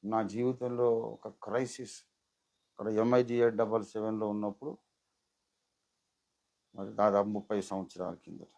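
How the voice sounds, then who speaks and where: A man's voice: fairly low pitch, little pitch movement, moderate pace, gravelly, pauses often, a little mellow. A middle-aged man preaching a sermon as a pastor, acting out voices from the story as he goes.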